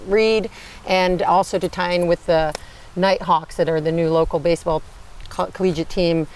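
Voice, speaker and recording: A woman with a slightly low voice gives informal, informative interview answers. Her delivery is a bit halting, and there is faint noise around her. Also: fairly even intonation, a little mellow. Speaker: assistant librarian, interview guest.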